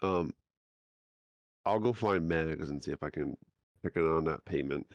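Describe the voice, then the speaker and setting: Man, player, very deep voice, easygoing short replies, muffled mic. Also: unhurried, no echo. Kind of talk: tabletop game chat.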